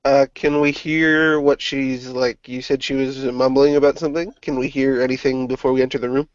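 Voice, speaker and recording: A man's voice: medium pitch, little pitch movement, moderate pace, no room sound. A man playing a tabletop game, asking the game master casual questions. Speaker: player. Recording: dry dull lo-fi recording.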